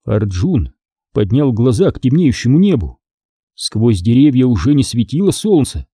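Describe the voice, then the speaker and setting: A man reads a first-person story aloud in an expressive, dramatic way. His voice is dark and husky, and it moves a lot in pitch. The recording is close and dry. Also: moderate pace, no echo. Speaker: audiobook narrator.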